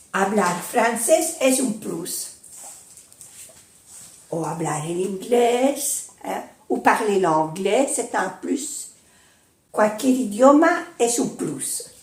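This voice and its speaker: Slow-speaking older woman teaching patiently. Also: medium pitch. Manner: patient, repeats example phrases slowly. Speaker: language teacher. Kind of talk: slow explanatory lesson. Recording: echoey room, voice from a distance.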